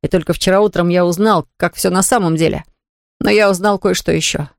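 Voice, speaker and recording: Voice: medium pitch, steady tone, a little fast, vocal fry, no echo, clean studio sound, lightly acted. A reader doing an earnest young man in love. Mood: imploring. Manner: earnest, imploring.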